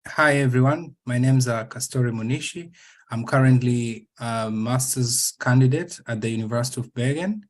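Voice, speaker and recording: A man's voice: mid-range voice, normal speed. A young man from Tanzania introducing himself on a video call panel, modest and slightly hesitant. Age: young adult. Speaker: panelist, pharmacy graduate. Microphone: laptop webcam video call.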